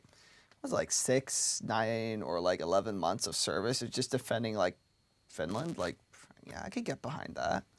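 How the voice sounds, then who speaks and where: A man's voice: deep voice, no room sound. A young American man in his twenties, a debate guest telling his story loosely with lots of "like". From United States. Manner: loose, filler-heavy storytelling with frequent "like". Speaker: debate guest supporting conscription. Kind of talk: casual debate chat.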